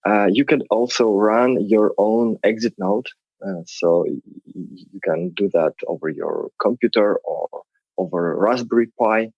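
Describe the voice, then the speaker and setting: Appearing as a podcast guest on behalf of a tech project, a man with a Lithuanian accent and non-native English phrasing explains things conversationally. His voice is on the low side and slightly breathy, with a measured pace. The recording is dry and lo-fi.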